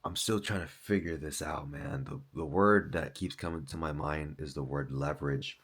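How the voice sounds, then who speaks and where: Deep-voiced man rambling casually. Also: steady tone, moderate pace, a bit bright, husky. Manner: loose, profane, full of fillers like "like" and "dude". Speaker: author and podcaster.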